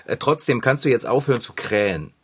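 A man's voice: mid-range voice, lively intonation, fairly quick, background noise, close to an everyday voice. A man playing a cheerful cartoon bike mechanic. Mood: easygoing. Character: friendly young bicycle mechanic. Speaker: bicycle mechanic.

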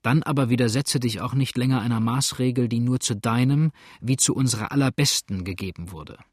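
A man's voice: medium pitch, fairly quick, slightly rough, no echo, studio quality, natural voice. A man voicing a persuasive, commanding sea captain in an audiobook.

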